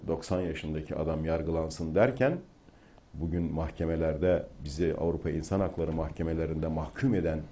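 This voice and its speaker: A middle-aged man in a talk show discussion who builds from calm reflection to forceful, rousing speech. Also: a bass voice, slight background noise. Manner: rising to forceful oratory.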